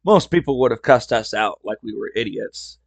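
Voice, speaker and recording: A man's voice: lowish voice, animated, moderate pace, creaky, no echo. A man in his thirties hosting a podcast, telling retail work stories in a wry, conversational way, his voice a bit strained from talking a lot. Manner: wry, conversational, acts out customer dialogue. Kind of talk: casual storytelling monologue.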